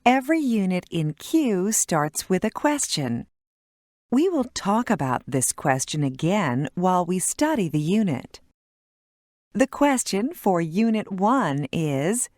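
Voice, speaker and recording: A woman voicing a friendly English teacher addressing her class in a scripted textbook recording, speaking clearly and deliberately. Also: mid-range voice, a little mellow, no echo, clean studio sound.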